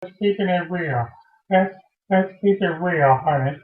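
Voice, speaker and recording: Lecherous pushy old man, low crooning, man performing, muffled, roomy. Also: unhurried. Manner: low crooning come-ons.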